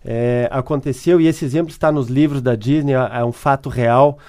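A man with a Brazilian Portuguese accent speaks as a guest on customer service, answering interview questions and walking through stories and worked examples. His voice is mid-range and slightly dark, with a steady tone and moderate pace.

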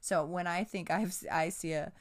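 A woman's voice: on the low side, steady tone, normal speed. A middle-aged woman co-host in casual conversation, often affirming the other speaker. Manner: warmly affirming, frequent agreement sounds.

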